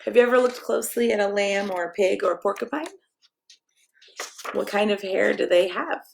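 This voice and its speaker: During a children's story time, a middle-aged American woman who is a pastor reads expressively in a playful, sing-song style and talks casually with the kids. She speaks at a moderate pace in a gravelly mid-range voice, with a faint hiss or hum.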